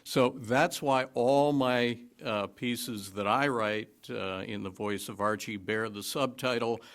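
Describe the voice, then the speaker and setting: A man introducing a reading to a congregation, halting at first, then telling the backstory with dry, wry humor. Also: mid-range voice, fairly bright tone. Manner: hesitant start, then wry storytelling. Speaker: lay speaker at a worship service.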